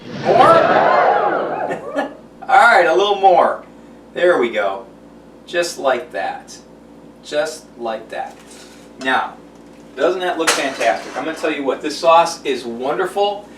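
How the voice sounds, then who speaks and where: A man's voice: on the high side, animated, a little slow, long pauses, a bit bright, recorded from a distance, slight background noise. A man hosting a cooking demonstration, chatty and folksy, full of enthusiasm, recorded in an echoey room away from the mic. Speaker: TV chef host.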